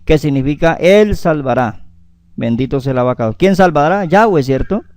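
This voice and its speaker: A man's voice: a little high, expressive, normal speed, a little mellow, no room sound. A man preaching a sermon on the weekly Torah portion, calling his listeners beloved, interjecting hallelujah often and citing chapter and verse at length.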